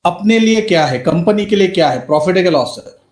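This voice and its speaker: Guy teaching accounts online, high voice, mixes english, echoey. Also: expressive, brisk, a little mellow. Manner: mixes Hindi and English, quizzes students by name. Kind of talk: live online class lecture. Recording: roomy echo.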